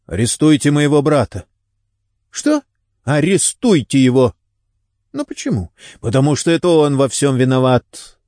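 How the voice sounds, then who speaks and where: A man voicing a frightened, sharp-tongued wife under police interrogation, speaking high and insistent. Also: expressive, unhurried, no room sound, clean studio sound. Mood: pleading.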